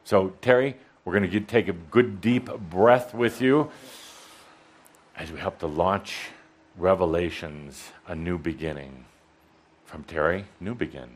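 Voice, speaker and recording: Deep-voiced man hosting a live event. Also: unhurried. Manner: chatty, filler-heavy. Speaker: host. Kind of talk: casual chat before a live audience.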